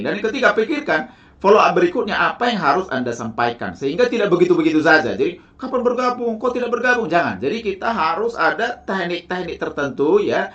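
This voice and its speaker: Man, sales trainer, motivational talk, lively swooping voice, dull lo-fi sound. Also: on the high side. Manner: animated, tags sentences with "ya" and "teman-teman"; acts out sample sales dialogue in lively voices. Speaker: sales and network-marketing trainer.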